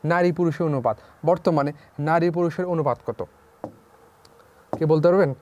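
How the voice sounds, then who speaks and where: Young male tutor with a somewhat high voice for a drill-style online lesson. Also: moderate pace, darkish tone. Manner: repeats key figures as questions to students. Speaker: teacher. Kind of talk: online class lecture.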